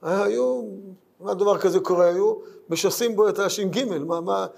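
A man's voice: high voice, vocal fry, a little mellow. A man giving a Talmud lesson in an earnest way, asking rhetorical questions and repeating his points. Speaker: Torah teacher.

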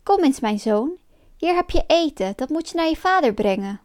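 A woman's voice: high voice, sing-song, normal speed, darkish tone. A woman doing a fretful old peasant wife. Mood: gentle.

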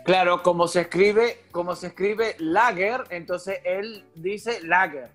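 A man's voice: high voice, takes it slowly, a bit bright, faint music behind. A man cracking teasing jokes in a casual chat among friends. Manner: teasing, wisecracking.

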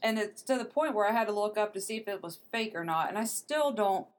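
A woman's voice: mid-range voice, lively intonation, quick pace. A young adult woman co-hosting a podcast, casually telling a story she looked up, swearing and laughing as she goes. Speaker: podcast co-host telling a true crime story.

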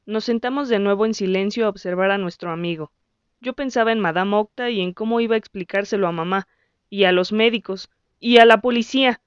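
Smooth-voiced woman reading an audiobook. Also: mid-range voice, no echo, muffled recording. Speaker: audiobook narrator. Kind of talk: scripted first-person narration.

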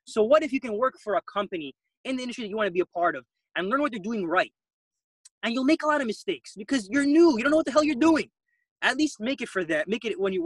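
A man talks fast and emphatically in an interview, often repeating words as he drives a point home. His voice sits a little high for a man. The sound is dry and close. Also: fairly bright tone, dry recording, low-quality recording. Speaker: guest entrepreneur. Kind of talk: interview answers.

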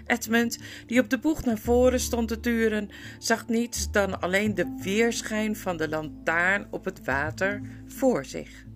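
A woman narrating an audiobook story in an expressive, measured way. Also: mid-range voice. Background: faint guitar music.

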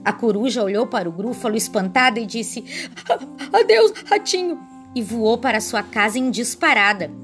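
A woman reading a children's picture book aloud in an expressive storytelling voice. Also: medium pitch, brisk, few pauses, faint music behind.

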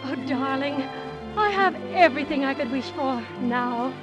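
An actress playing a devoted, ardent young noblewoman in a slow, rapturous 1940s radio operetta style. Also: sits high, animated, highs cut off, music in the background. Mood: adoring. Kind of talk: 1940s radio operetta, speech turning to song.

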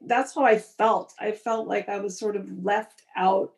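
A woman's voice: medium pitch, steady tone, unhurried. A woman in casual conversation, blunt and opinionated. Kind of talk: casual music chat. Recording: echoey room.

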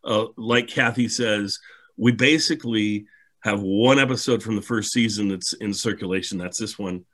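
A man hosting a podcast in casual, enthusiastic but halting conversational talk. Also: on the low side, a bit bright. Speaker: podcast host.

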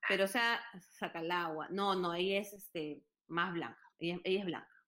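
Low-voiced Peruvian woman, hesitant. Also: steady tone, normal speed, noisy background. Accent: Peruvian Spanish. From Peru. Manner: hesitant, many fillers, earnest storytelling. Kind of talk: casual chat.

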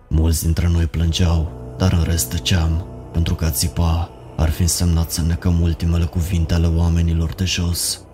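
A man reads a horror story in a very deep, dark voice with little rise and fall. His delivery is slow and even, and faint music plays underneath. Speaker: narrator.

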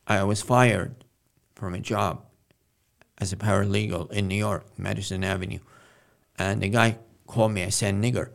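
A man from Jerusalem, a guest poet in a casual interview, talking in a halting, earnest way with many pauses. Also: lowish voice, fairly even intonation, vocal fry.

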